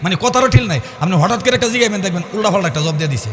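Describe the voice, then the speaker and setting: A male Islamic preacher, delivering a sermon that swings between loud sing-song chanting and low conversational asides. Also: lively intonation, very fast. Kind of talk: melodic sermon at a religious gathering. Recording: reverberant PA sound with faint music.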